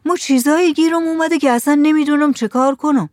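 A woman's voice: high voice, darkish tone, no room sound, studio quality, pitched above the performer's own voice, natural voice. A woman voicing an anxious, gloomy village man. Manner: pleading, fearful.

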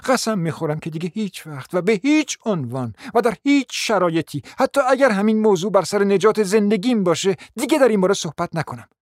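A man's voice: high-pitched, lively intonation, few pauses, dry recording, clean studio sound. A man playing a proud, scheming middle-aged mother who pleads insistently and at length, acted as a radio drama. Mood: pleading. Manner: pleading, insistent and long-winded.

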